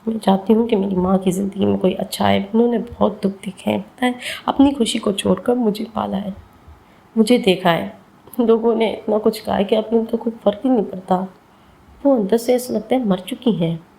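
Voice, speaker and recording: A woman's voice: mid-range voice, steady tone, normal speed, gravelly, dark tone, natural voice, low-quality recording. A woman voicing a hurt young daughter who presses blunt, bitter questions in a storybook reading. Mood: pleading.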